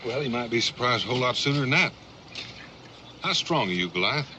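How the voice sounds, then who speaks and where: A man's voice: medium pitch, animated, a little fast, lightly acted. An actor playing an easygoing, plain-spoken frontiersman in a TV western, folksy and understated. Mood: gently probing. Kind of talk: 1960s television western acting. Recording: dull, noisy old TV soundtrack.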